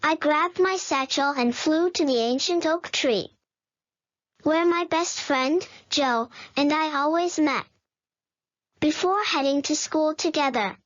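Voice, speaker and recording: Brief: a woman narrator for a children's storybook, slow and unhurried, reads the sound words flatly. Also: sits high, lo-fi sound. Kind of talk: first-person storybook narration.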